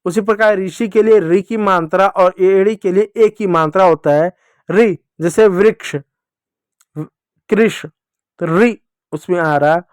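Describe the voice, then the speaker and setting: A man gives a patient, slow lesson to small children, sounding out each letter and repeating it. His voice sits high for a man and comes through smooth and clear. The recording is close and dry, with no room sound. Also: dry recording. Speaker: teacher. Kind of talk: children's Hindi alphabet lesson.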